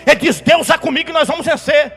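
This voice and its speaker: High-pitched fiery preaching man. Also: fast talker. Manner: fiery storytelling preacher, shouting at peaks. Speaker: pastor. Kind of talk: sermon. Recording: reverberant hall with faint music.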